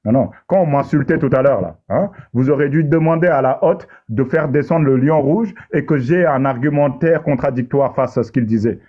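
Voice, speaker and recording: A man's voice: mid-range voice, moderate pace, few pauses, warm tone. A man arguing in an online discussion panel, preachy and sarcastic, often stumbling and restarting his phrases. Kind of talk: heated argumentative monologue. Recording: dull lo-fi audio.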